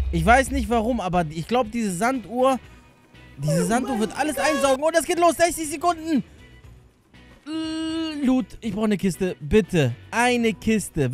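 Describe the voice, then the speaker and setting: A young man giving hectic, jokey running commentary on his gameplay, often pleading with the game. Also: very high-pitched. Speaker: gaming YouTuber.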